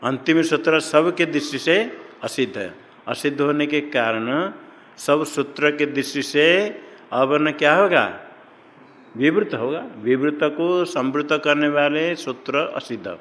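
Male grammar teacher, unhurried and deliberate, asks and answers his own questions, long hall reverb. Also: a little high, a bit bright. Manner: asks students questions and answers them himself; chants grammar rules in a sing-song tone. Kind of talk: classroom lecture.

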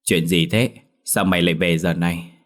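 A man playing a violent, furious older farmer who shouts and curses at his daughter. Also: low-pitched, steady tone, normal speed, natural voice. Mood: gruff. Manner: shouting, harsh, cursing.

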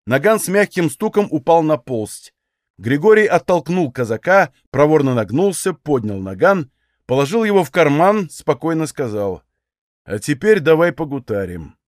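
A man narrating a novel in an expressive, dramatic reading style, recorded close to the mic. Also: on the high side, normal speed, no room sound. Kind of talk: audiobook narration.

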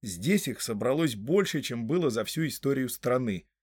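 A man narrating a storybook in a scripted reading, lively and expressive. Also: mid-range voice, normal speed, slightly rough, no room sound, studio quality. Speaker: audiobook narrator.

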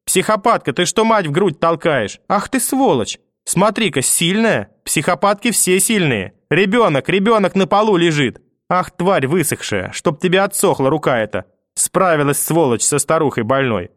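A man's voice: fairly high pitch, lively intonation, normal speed, dry recording, clean studio sound, pitched above the performer's own voice, lightly acted. A man voicing a furious old grandmother who spits curses and threats in a raised, strained voice. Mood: screaming. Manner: venomous, screaming curses. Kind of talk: audiobook character voice.

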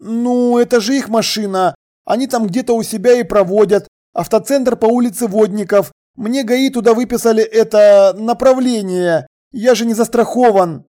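An audiobook reader voicing a flustered young man in trouble, defensive and hurried. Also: medium pitch, warm tone, voice pushed up, close to an everyday voice. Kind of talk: audiobook dialogue.

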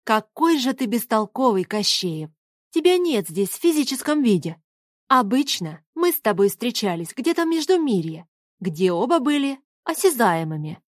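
A woman's voice: a little high, sing-song, normal speed, no room sound, studio quality. A woman reading an audiobook, voicing a spirited, teasing young woman with a mocking, bossy manner.

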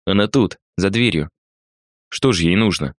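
A man voicing an elderly count who speaks in a measured, persuasive way. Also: low voice, dry recording, clean studio sound, natural voice. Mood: earnest. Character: elderly count, anxious and gentle old man.

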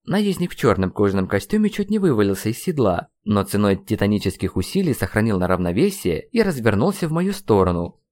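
A man's voice: fairly low pitch, darkish tone. A man reading a fantasy audiobook as a first-person narrator, telling the story expressively. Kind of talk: scripted narration.

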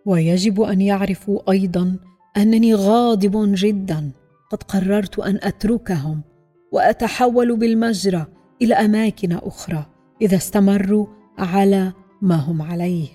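A woman voicing the solemn, angry male king of a great river in a children's storybook reading, with soft music behind. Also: mid-range voice, normal speed, pitched below the performer's own voice, natural voice. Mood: stern. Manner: stern, solemn, commanding.

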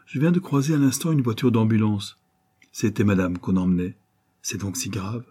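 A man reading the part of a grave, kind former secretary, speaking with measured concern. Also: fairly low pitch, dark tone, husky.

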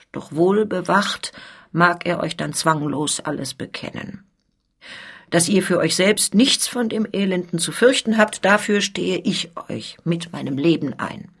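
A woman voicing a formal, persuasive male police officer in a dramatic reading, her voice husky. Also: fairly low pitch.

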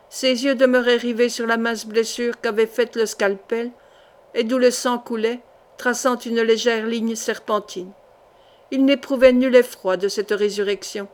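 A woman narrating an audiobook of an adventure novel, in a measured, expressive literary reading. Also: fairly high pitch. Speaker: audiobook reader.

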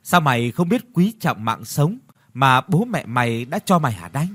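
A man's voice: medium pitch, sing-song, normal speed, a bit bright, slightly rough, studio quality. A man voicing a loyal young villager who earnestly pleads with and scolds his dead friend, over faint music in a reverberant space. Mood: reproachful.

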